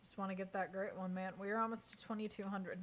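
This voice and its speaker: A woman's voice: mid-range voice, little pitch movement, quick pace, a little hiss or hum. A woman chatting casually on a live stream while playing, reading and answering chat and groaning at misses. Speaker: game streamer.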